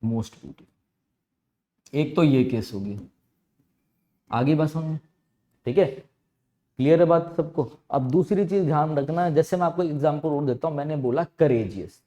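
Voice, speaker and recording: Mellow-voiced man teaching a grammar lesson. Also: on the high side, moderate pace. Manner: explains step by step, repeats key words, asks and answers his own questions. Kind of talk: exam-prep grammar lesson.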